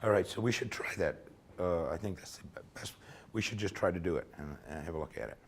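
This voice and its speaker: Losing his voice, a man gives an informal technical lecture at a workshop in a lecture room, often checking in by ending points with "okay?" He talks fast in a low voice, conversational in manner, with slight background noise.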